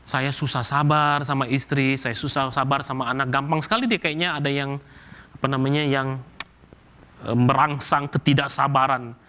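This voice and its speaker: A man from Indonesia preaching a sermon as pastor, animated and casual, acting out everyday complaints. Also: mid-range voice, moderate pace. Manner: animated, acts out quoted complaints in casual slang.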